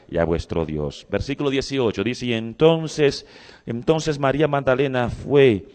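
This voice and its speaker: Deep-voiced Mexican pastor preaching. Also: male voice. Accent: Mexican Spanish. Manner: asks the congregation questions and reads scripture aloud. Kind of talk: sermon with opening prayer. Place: church.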